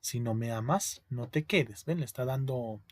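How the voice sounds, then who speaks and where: A male teacher giving a spelling lesson, explaining slowly, repeating each word and checking in with his students. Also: medium pitch, a little mellow.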